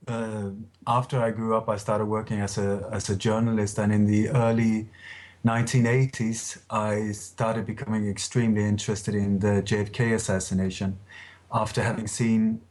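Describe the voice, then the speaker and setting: A man's voice: on the low side, darkish tone. A man from Denmark, a guest researcher giving long, earnest answers in a radio interview and often restarting his phrases.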